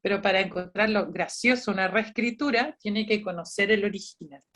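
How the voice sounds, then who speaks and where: A woman's voice: mid-range voice, normal speed, fairly bright tone. A woman, a librarian running an online training session for volunteer storytellers, explaining in a chatty way with many restarts and quoted dialogue.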